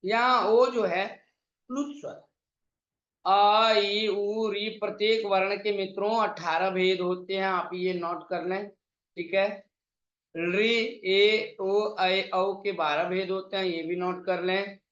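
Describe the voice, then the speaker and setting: Male tutor, high-pitched and slow-paced, long-drawn vowels, echoey room. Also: fairly even intonation, a bit bright. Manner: recites verses in a chanting lilt. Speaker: teacher. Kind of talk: online exam-prep lesson. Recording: echoey, slightly dull sound.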